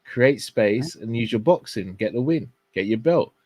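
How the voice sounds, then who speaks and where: A man's voice: mid-range voice, expressive, unhurried, a little mellow, no room sound. A man co-hosting a live fight watchalong, analysing the action and calling out tactical advice to the fighters. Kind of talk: casual live fight commentary.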